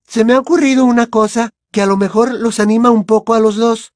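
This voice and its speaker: An anxious, caring teenage schoolgirl from a storybook, as a male narrator puts her on. The voice climbs far above his own into a thin, bright register. It is recorded close and dry. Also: very high voice, steady tone, a little fast, no echo, voice pushed up. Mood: hopeful. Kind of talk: audiobook character voice.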